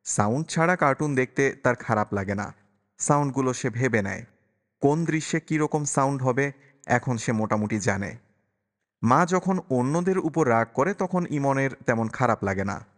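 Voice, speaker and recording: Calm male audiobook narrator, echoing. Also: mid-range voice, moderate pace. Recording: long reverberant echo.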